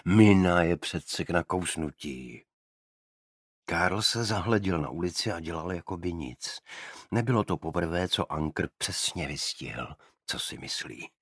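A man narrating an audiobook in a measured, even reading on a close studio mic. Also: sits low, slightly rough, no echo. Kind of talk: scripted narration.

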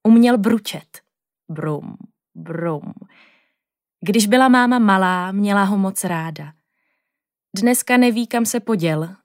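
A woman's voice: mid-range voice, darkish tone, dry recording, clean studio sound. Woman reading a children's story. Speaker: audiobook reader. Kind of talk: children's storybook narration in a little girl's first person.

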